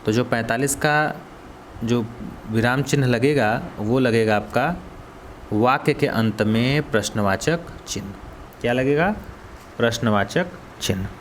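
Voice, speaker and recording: A man's voice: medium pitch, moderate pace, slight background noise. A male coaching teacher with a Hindi accent going through exam questions. He asks the students, then answers and repeats the key words. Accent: Hindi, Varanasi region.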